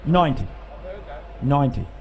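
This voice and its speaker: At a public yearling auction, a livestock auctioneer rolls through a rapid bid chant, repeating figures and cajoling buyers with sales patter between calls. His medium-pitched, darkish voice is expressive at a normal speed, captured lo-fi over clear background noise from the live sale.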